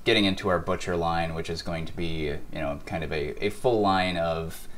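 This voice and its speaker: A man's voice: low voice, steady tone, normal speed, a bit bright, slight background noise. A man who owns a mask company, explaining his products in an interview with many fillers, recorded in a workshop showroom by a camera mic. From Wisconsin. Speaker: mask company owner and artist.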